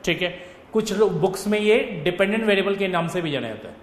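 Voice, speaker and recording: In an echoey classroom with faint background noise, a fast-talking male economics tutor dictates notes and checks on his students. His voice sits high, with lively intonation.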